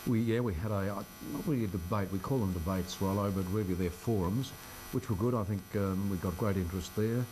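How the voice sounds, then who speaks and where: Speaking from a radio studio, this older Australian local radio host keeps the interview chat informal, wry and self-mocking. His fairly low, mellow voice is brisk, and the low-quality recording carries slight background noise.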